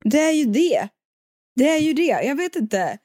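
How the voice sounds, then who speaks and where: A young woman with a fairly high voice chats on a podcast. She rambles, restarts her sentences and laughs easily. The sound is dry and close, with no room in it. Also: expressive, a little mellow, no room sound. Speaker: podcast co-host. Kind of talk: casual podcast chat.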